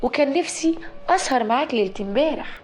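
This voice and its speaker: A woman voicing a spiteful, jealous young woman, loud and taunting, with an Egyptian accent. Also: high voice, animated, fast talker. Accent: Egyptian Arabic.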